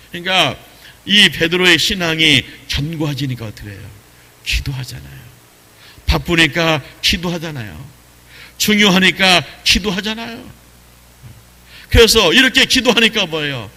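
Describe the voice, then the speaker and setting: A male pastor delivering a Sunday sermon, asking questions and repeating phrases, dropping low and quiet, then rising to stress a point. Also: big-room sound. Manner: preaching with rhetorical questions and repetition, swings from low and quiet to raised. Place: church sanctuary.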